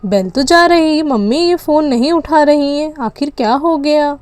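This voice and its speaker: Woman, high voice, motherly and chatty, doll story narration, dry close sound. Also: moderate pace, a little mellow, no echo. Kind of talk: doll story role-play.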